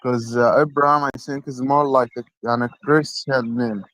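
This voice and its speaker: A man's voice: medium pitch, fairly even intonation, normal speed, a bit bright, no room sound, poor audio. A man calling into a livestream, politely and patiently explaining himself in casual conversation. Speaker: caller on a livestream.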